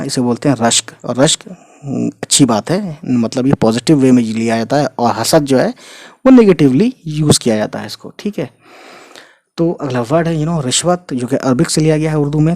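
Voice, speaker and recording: A man teaching Urdu words, explaining their meanings and spelling the letters out slowly as he writes, often adding "ठीक है" and "you know". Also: a little high, darkish tone, no room sound. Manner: spells letters out slowly, often adds 'ठीक है' and 'you know'. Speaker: language teacher. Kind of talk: explaining Urdu words while writing them.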